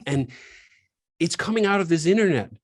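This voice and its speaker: A man, a guest on a podcast, making emphatic, opinionated arguments in an animated way. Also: on the high side, moderate pace, no room sound. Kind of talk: opinionated conversation.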